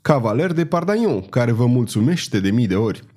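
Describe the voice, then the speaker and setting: A man reading the part of a calm, proud male knight who speaks with haughty courtesy. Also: medium pitch. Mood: courtly. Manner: polite but haughty, smiling.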